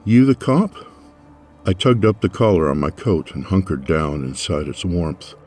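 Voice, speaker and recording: A man reading a first-person novel aloud as an audiobook narrator, wry and expressive. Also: very deep voice, moderate pace, faint music behind.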